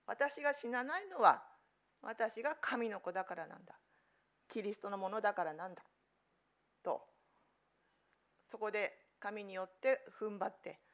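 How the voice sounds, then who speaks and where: Give me a woman pastor preaching an earnest sermon, with loud stresses and soft, quiet endings. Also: mid-range voice.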